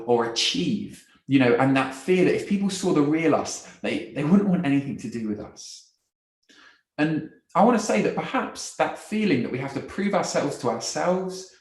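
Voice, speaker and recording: Male speaker, mid-range voice, earnest gospel talk with repeats and hushed moments, roomy echo. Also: mid-range voice. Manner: earnest, repeats words, drops to soft quiet phrases. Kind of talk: evangelistic talk. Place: university event room. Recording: echoey room.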